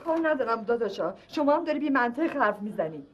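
A woman's voice: a little high, sing-song, muffled recording. An actress playing a sister who protests that she is being cheated of her fair share. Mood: protesting. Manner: complaining, pleading. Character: aggrieved sister protesting an unfair split. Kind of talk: TV drama acting.

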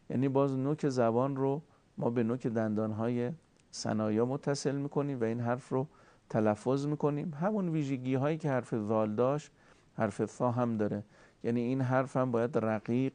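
A man giving a formal recitation lesson, courteous and deliberate, slowly drawing out sounds to show how they are made. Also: mid-range voice, a little mellow, dry recording. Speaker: Quran recitation teacher.

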